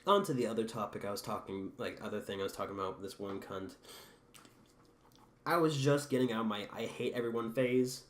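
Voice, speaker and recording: A teenage boy with a fairly low-pitched, brisk voice hosts a podcast, telling rambling, profane stories and laughing at his own jokes. The room is echoey with a faint hum in the background.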